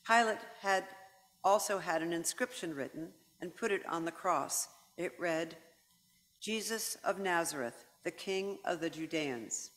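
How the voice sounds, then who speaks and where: A narrator reading the Passion at a church service, steady and even. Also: mid-range voice, unhurried. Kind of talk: liturgical scripture reading. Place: large church. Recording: church with long reverb.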